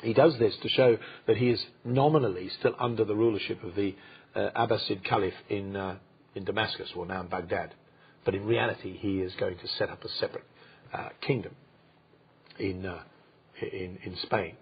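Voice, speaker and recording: A man co-hosting a history program, talking through events without a script, with many pauses, fillers and restarts. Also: fairly low pitch, fairly even intonation, husky. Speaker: co-host, history presenter. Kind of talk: unscripted history talk. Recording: dull lo-fi sound.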